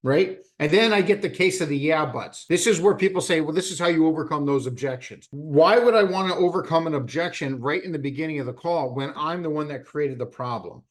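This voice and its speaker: A middle-aged man leading a live sales training session, talking in an animated way and acting out both sides of phone calls. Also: on the high side, a little fast, few pauses.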